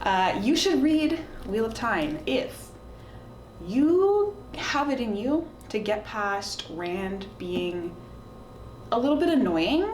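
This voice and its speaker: With a sing-song lilt, she takes her time, chatting informally to camera as a video host and book reviewer offering opinionated suggestions. The sound is echoey, with a faint rumble and background noise.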